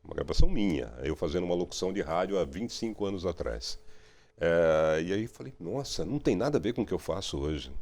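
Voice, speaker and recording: A middle-aged man, a radio and TV journalist, speaking in a relaxed, reflective interview, often ending phrases with a questioning tag. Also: sits low. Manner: reflective, frequent "né?" tags.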